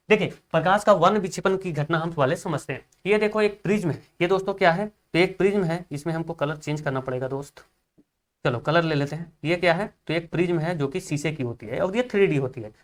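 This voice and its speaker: A man teaches an exam-prep class over a screen recording, recorded close to the mic. He keeps asking his own questions and then answering them. He repeats each point again and again. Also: on the high side. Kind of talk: online exam-prep lesson.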